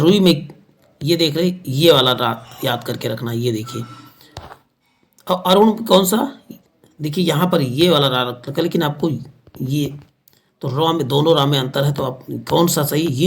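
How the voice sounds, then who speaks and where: A man teaching an online exam-prep lesson with an energetic, emphatic delivery, often repeating words for emphasis. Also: on the high side, moderate pace. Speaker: Hindi grammar teacher.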